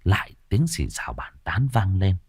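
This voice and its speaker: A man's voice: low voice, huge pitch swings, normal speed, darkish tone, breathy edge, no echo, clean studio sound. A man telling a ghost story, dramatic and vivid with earthy humor.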